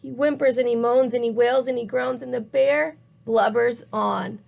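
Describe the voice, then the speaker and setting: A woman reading a picture book aloud with a rhythmic, drawn-out delivery. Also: a little high, fairly even intonation, gravelly, darkish tone. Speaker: storybook reader.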